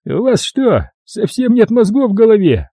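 A sarcastic, condescending cop, as the narrator puts him on, raised well above his usual pitch with a husky, dark tone. He mocks and lectures, leaping up and down in pitch. Dry, close recording. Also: big pitch swings, moderate pace, no echo. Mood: mocking. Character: mocking, stern male police detective.

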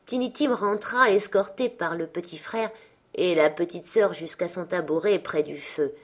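A woman narrating a classic story as an audiobook, with a lively, expressive reading. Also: fairly low pitch, normal speed. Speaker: audiobook reader.

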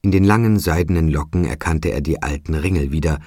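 A man reads a literary audiobook in a measured, dramatic way. His voice is very low and husky, and the recording is dry and close. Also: warm tone, no echo. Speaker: audiobook narrator. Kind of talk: scripted literary narration.

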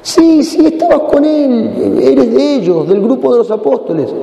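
A man voicing mocking accusers, high and insistent, with a Mendoza Argentine accent. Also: sing-song, measured pace, gravelly, dark tone, full character voice. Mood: taunting. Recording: echoey church hall.

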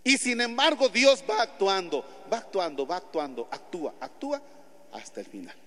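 A priest with a Mexican Spanish accent preaching a homily in a church, telling stories with lively acted-out scenes. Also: male voice, high-pitched, moderate pace. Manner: animated storytelling, acts out scenes. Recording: long church reverb.

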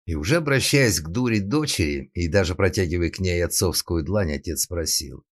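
A man narrating an audiobook in a steady, ironic storytelling manner. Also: low voice, brisk, dry recording, clean studio sound.

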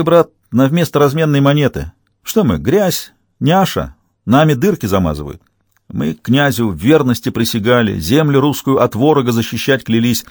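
A male audiobook narrator voicing a sly, restless soldier who talks quickly and in a conspiratorial, snapping way. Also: mid-range voice, darkish tone, dry recording, studio quality, close to an everyday voice.

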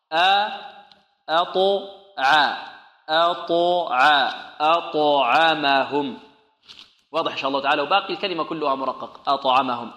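A man's voice: a little high, pushed and bright. Man teaching Quran recitation, echoey room. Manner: drills pronunciation, asks and answers his own questions; stretches out recited words slowly. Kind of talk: tajweed lesson on radio.

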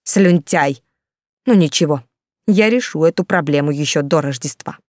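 A woman's voice: deep voice, moderate pace, darkish tone, dry recording, clean studio sound, natural voice. A woman reading the part of a domineering, scheming older countess who hisses her commands. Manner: hissing, commanding.

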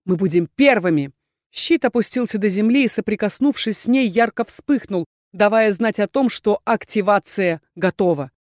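A woman narrating a first-person fantasy audiobook in a measured, tense read. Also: medium pitch, a little mellow, no echo, studio quality. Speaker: audiobook reader.

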